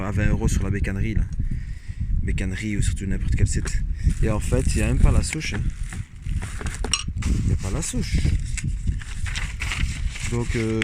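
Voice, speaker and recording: A rather low-voiced man with a Belgian French accent rambles through an unboxing outdoors, joking and tossing in "hop" and "hein" as he goes. Loud wind and open-air noise wash over the recording. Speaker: vlogger. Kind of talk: casual unboxing chat.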